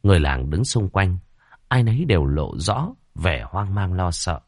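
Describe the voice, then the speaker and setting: A man reading a ghost story as scripted narration, slow and dramatic. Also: deep voice, sing-song, darkish tone, dry recording, studio quality.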